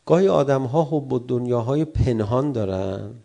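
Gravelly dark-voiced male preacher. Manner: animated, rising sharply for emphasis then dropping low. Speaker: cleric giving a religious talk. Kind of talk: sermon on family and anger.

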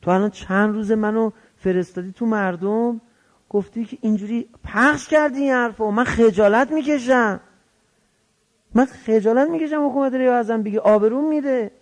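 A man's voice: high voice, steady tone, vocal fry, long reverb tail, pitched above the performer's own voice. A man voicing an anxious older man who pleads to keep his governorship, in a raised, strained, imploring voice. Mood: anguished.

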